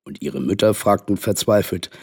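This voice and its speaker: A man narrating a children's storybook in a lively, playful reading style. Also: low voice, normal speed, slightly rough. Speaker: audiobook narrator.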